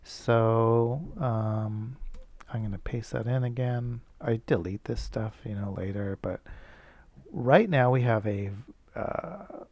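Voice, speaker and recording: A man's voice: medium pitch, slow, darkish tone, no echo. A male teacher thinking aloud as he works through a coding problem, casual and self-correcting. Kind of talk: screencast coding lesson.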